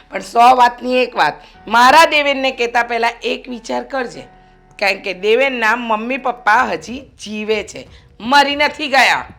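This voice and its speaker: A woman's voice: a little high, fairly bright tone. An actress playing a middle-aged mother-in-law who lectures her son and scolds her daughter-in-law.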